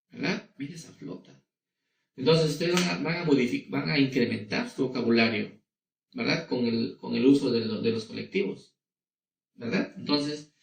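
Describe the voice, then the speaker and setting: A male teacher giving a slow, patient lesson to children, often checking that they follow. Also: mid-range voice, gravelly, roomy sound, recorded from a distance. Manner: slow and patient, asking many rhetorical questions. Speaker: schoolteacher. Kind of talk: recorded classroom lesson for children.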